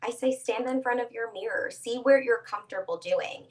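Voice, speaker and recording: A woman who teaches etiquette, guest on an interview show, explaining things in a measured, patient way. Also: fairly high pitch, distant mic. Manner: measured, explanatory, speaks with her hands. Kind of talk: conversational interview.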